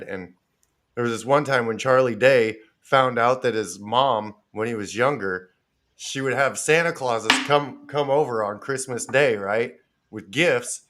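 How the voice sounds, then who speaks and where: A man's voice: mid-range voice, a bit bright. A man co-hosting a casual podcast, rambling through a crude story and laughing as he retells it. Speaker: podcast co-host.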